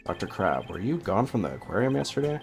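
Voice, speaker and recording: A man's voice: lowish voice, very animated, fast, creaky, faint music behind. A man voicing a sensible, polite male defense attorney from a video game. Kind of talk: video game dialogue read aloud.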